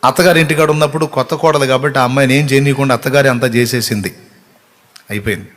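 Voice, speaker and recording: A man's voice: medium pitch, steady tone, quick pace, a bit bright. A man preaching a devotional sermon, telling a story with pity and acting out the people in it. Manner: tells a parable with pity, acting out quoted voices.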